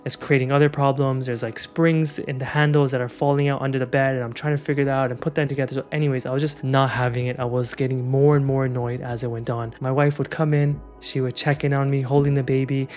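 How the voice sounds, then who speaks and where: A meditation guide in his thirties tells a personal story frankly and conversationally, full of fillers like "like," then leads the listener through breathwork. His medium-pitched voice is level and darkish, quick with few pauses, over faint background music.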